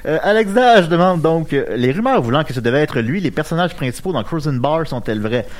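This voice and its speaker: Quebec French man, fairly high voice, animated intonation, casual co-host, comedy interview questions. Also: fairly quick. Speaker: co-host reading audience questions.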